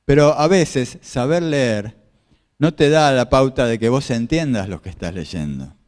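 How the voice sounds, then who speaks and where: Speaking at medium pitch with animated, unhurried delivery, a man with a darkish tone fills a big-sounding room. The Argentine pastor, a native Spanish speaker, walks through scripture alongside slides, echoing his own phrases and questioning the audience.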